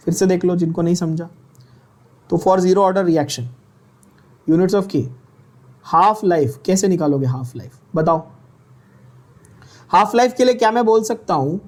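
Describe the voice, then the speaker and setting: Male Indian teacher, unhurried, playfully scolding lecture delivery. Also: high-pitched, darkish tone. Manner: teasing, scolds students playfully; slow, drawn-out explanations with frequent checks. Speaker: chemistry teacher. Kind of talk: classroom lecture in Hindi-English mix.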